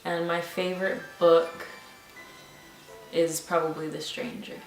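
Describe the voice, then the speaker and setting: A woman in her twenties answering interview questions casually, thoughtful and halting, with frequent ums. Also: on the low side, level tone, recorded from a distance. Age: 20s. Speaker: interview guest. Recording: roomy, off-mic, with music behind.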